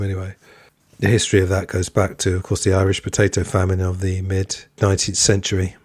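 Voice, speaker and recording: A male podcast host with a lowish, mellow voice, reading book passages and chatting straight to his listeners. The sound is dry and close, with no room around it. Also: no room sound. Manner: chatty, reads passages aloud, addresses listeners directly.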